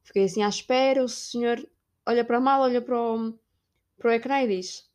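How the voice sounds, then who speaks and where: A young woman with a European Portuguese accent, chatting casually about a trip and imitating people along the way. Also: quick pace. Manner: chatty, animated, imitates shouting staff in high voice. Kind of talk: casual storytelling vlog.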